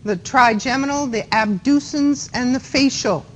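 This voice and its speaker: High-voiced Boston woman lecturing a class. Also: normal speed, a little hiss or hum, low-quality recording. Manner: chatty, checks in with students by asking questions. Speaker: anatomy instructor.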